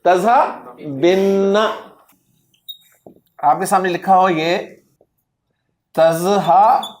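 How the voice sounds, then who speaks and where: A man teaching Arabic grammar in a classroom lecture. He drills word forms slowly and keeps quizzing his students. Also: high voice, expressive, darkish tone, slight background noise. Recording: echoey classroom recording.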